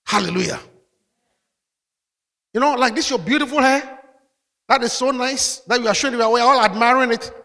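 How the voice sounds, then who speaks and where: A man's voice: very high-pitched, normal speed, gravelly, long pauses, pushed and bright, long reverb tail. A man preaching a sermon as pastor, calling out hallelujah between points. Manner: preaching with call-outs of hallelujah.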